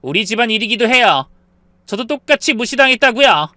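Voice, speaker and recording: A man's voice: very high-pitched, lively intonation, a little fast, pushed and bright, dry recording, exaggerated voice. A man voicing a young sister-in-law in a story reading, protesting politely and pleadingly.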